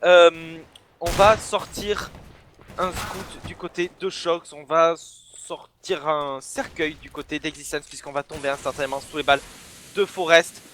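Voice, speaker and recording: Esports caster, bright voice. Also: male voice, a little high, a little slow, a little hiss or hum. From south of France. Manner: excitable, bursts into shouting on big plays. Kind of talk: solo play-by-play commentary.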